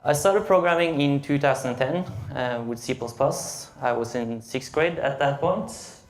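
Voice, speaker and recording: A Norwegian man in his late teens gives a tech meetup presentation as a conference speaker, hesitating often with "uh" and "um". His gravelly voice is medium in pitch and measured in pace. The meetup room adds a roomy echo.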